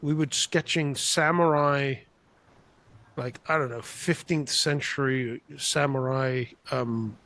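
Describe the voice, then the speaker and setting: Gravelly older man telling stories. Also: medium pitch, takes it slowly. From England, raised in Spain. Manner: animated, rambling with restarts. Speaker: guest artist. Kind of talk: conversational interview storytelling. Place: home room, indoors. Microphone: large podcast mic on a video call, headphones.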